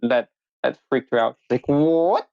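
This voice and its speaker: A young man co-hosting a relaxed podcast. He talks with a very lively, swooping pitch and often stops and restarts his sentences. The recording is dry and slightly dull, like a cheap home mic. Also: no echo. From United States. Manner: animated, halting, many restarts. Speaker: podcast co-host. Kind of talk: casual chat.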